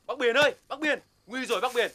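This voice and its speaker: Figure: an anxious villager raising the alarm. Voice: high, fast. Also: male voice, bright, forceful tone, a little hiss or hum. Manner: urgent, insistent. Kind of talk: TV drama acting.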